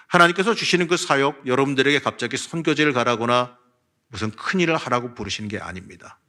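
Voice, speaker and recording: A man's voice: mid-range voice, bright, forceful tone. A man preaching a Sunday sermon as pastor of a church, earnest, swelling and dropping his volume for emphasis. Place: church sanctuary.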